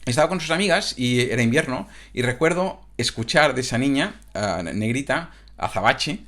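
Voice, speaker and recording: A man's voice: medium pitch, expressive, moderate pace, a bit bright. A man from Catalonia, a coach talking in a casual, reflective monologue that stumbles over restarts and tag questions. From Catalonia, Spain.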